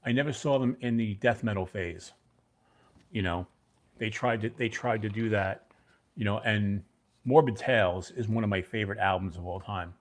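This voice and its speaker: A middle-aged man from Brooklyn hosts a casual livestream chat, speaking at normal speed in a lowish voice. His accent blends New York and New Jersey, and he rambles on while addressing viewers by name.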